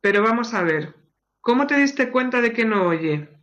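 A woman voicing a patient family doctor who gives measured instructions in a radio joke. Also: fairly high pitch, animated, a bit bright, lo-fi sound. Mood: calm.

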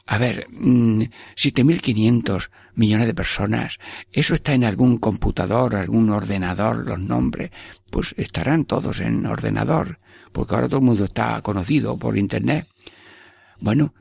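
Gravelly low-voiced Spanish priest preaching. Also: male voice. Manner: speaks to Jesus directly in prayer, acts out little dialogues. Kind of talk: prayerful sermon.

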